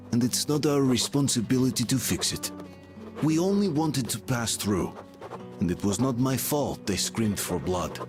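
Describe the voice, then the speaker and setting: A man's voice: medium pitch, lightly acted. An actor playing a brooding, reflective soldier who narrates his journey in a video game. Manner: reflective, somber. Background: music.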